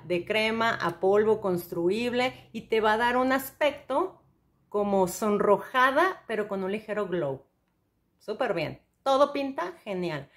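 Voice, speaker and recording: A young woman, chatting enthusiastically to the viewer while reviewing makeup. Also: medium pitch. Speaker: beauty vlogger.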